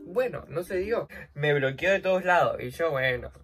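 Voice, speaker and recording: A woman's voice: expressive, moderate pace, faint music behind. A young woman with a Rioplatense accent telling a dramatic, slangy story while doing her makeup for a vlog. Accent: Rioplatense Spanish. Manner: dramatic, slangy, swings between loud outbursts and low asides. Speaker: vlogger.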